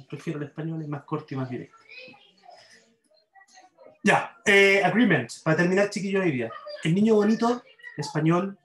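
A man's voice: on the high side, echoey room, poor audio. A man with a Chilean accent teaching a university grammar class online. He explains by repeating examples and checks in with his students. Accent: Chilean Spanish.

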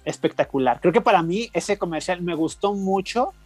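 High-voiced gossipy man. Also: animated, no room sound, faint music behind. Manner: chatty, gossipy, quick agreeing interjections. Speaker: co-host reviewing a reality show. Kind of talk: casual chat.

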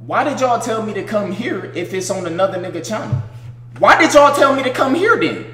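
Young man, animated streamer in echoey room. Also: high-pitched, fairly quick, slight background noise. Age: young adult. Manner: incredulous, repeats phrases. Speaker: game streamer. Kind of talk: casual livestream reaction chat with slang. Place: indoor streaming room at a gaming chair.

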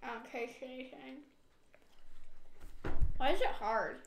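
A woman's voice: high voice, animated, slow. A woman speaking bluntly in casual family chat while chewing gum, with a teasing manner. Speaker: taste tester. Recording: echoey room with background noise.

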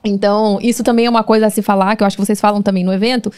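Uma apresentadora brasileira de podcast, de fala bem ligeira, conduz a conversa com perguntas curiosas. O tom é aberto e animado, de estúdio. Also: female voice, medium pitch, racing, clear, resonant tone. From Brazil. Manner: lively, conversational, leading questions. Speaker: podcast host. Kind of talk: casual interview chat.

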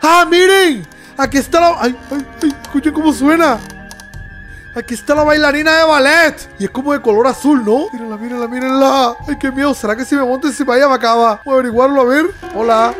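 Excitable high-voiced man playing a game. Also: fast, soft background music. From Latin America. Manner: excitable, jokey, talks straight to viewers. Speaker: gaming youtuber. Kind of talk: lively gameplay commentary.

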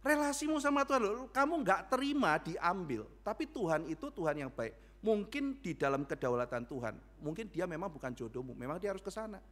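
A man's voice: a little high, brisk, hardly any pauses. A male pastor preaching a sermon in church, telling stories and acting out both sides of the dialogue. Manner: animated storytelling with acted dialogue. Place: church sanctuary.

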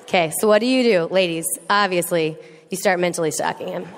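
A woman giving a comedic talk to a live audience, animated and teasing, acting out quoted voices. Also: fairly low pitch, fairly quick. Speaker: speaker. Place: large hall with an audience. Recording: echoey hall with faint noise.

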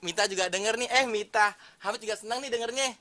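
A man's voice: sits high, quick pace, sharp tone. A man in a soap opera playing a cheerful, chatty trader. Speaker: Hamid, trader.

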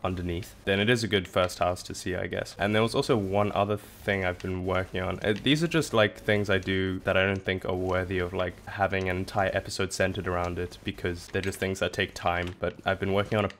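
A man with a very deep voice talks his way through a game in a groggy, just-woken-up tone. He rambles and restarts, full of fillers, in a casual commentary style. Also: fairly even intonation, a little fast, few pauses, a bit bright, slight background noise. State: groggy morning voice. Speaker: gaming channel host.

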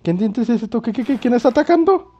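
A man doing loud, excitable let's play commentary, swearing and yelping often. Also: very high voice, fast, dull audio. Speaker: gamer playing on video.

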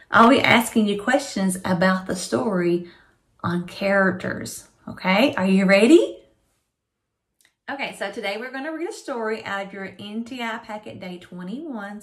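Middle-aged lady kindergarten teacher, bright voice, talks like she's reading to a toddler, asks simple questions. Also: mid-range voice. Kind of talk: children's reading lesson. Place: small room at home, indoors.

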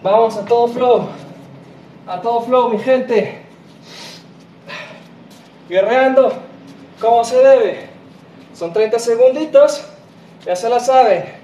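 A young Mexican man barks out a workout as a gym coach, working hard as he goes. His voice sits high and comes in very slow, spaced-out calls. He is picked up from across a patio, with a roomy sound. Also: dull audio, a little hiss or hum. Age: young adult. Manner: barking gym coach, shouting counts and encouragement. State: exerting himself. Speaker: fitness coach. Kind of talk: live workout instruction. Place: walled home patio, outdoors. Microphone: camera several meters away. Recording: roomy, distant microphone, music behind.

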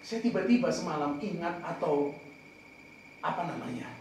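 A man's voice: fairly high pitch, moderate pace, a little mellow, slight background noise. A man preaching a sermon as pastor, playful and teasing, throwing questions at the congregation. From Indonesia. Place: church hall. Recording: echoey hall, far from the mic.

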